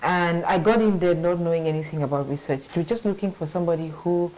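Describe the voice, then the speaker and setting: A marketing manager in middle age tells her career story in a conversational interview, speaking fast in a lowish, darkish voice over poor audio. English is her first language. She's thoughtful but hesitant, restarting sentences, leaning on "you know" and laughing readily.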